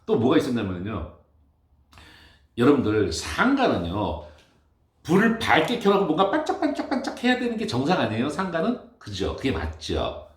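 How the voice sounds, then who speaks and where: A man who works in building facility management, telling an exasperated, animated story about his job in a casual monologue. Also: medium pitch, normal speed, reverberant. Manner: animated, exasperated anecdote telling with acted-out quotes.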